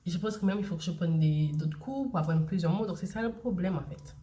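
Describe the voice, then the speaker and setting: A woman's voice: lowish voice, brisk, warm tone. Rambling young woman. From Saint Lucia. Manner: rambling, repeats herself, many fillers. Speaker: vlogger. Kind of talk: casual chat to camera.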